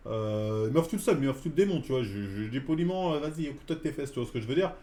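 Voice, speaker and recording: A man's voice: mid-range voice, lively intonation, rapid-fire, dark tone. A man in his forties ranting in casual slang on a live stream about a run-in at the gym. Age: 40s. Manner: slangy, heated street-style talk. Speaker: fitness streamer. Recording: echoey room.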